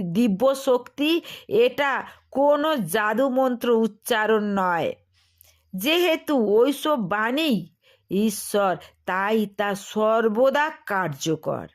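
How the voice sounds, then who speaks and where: Woman preacher, slightly high voice, very slow and measured sermon delivery. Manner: slow, deliberate delivery with drawn-out pauses.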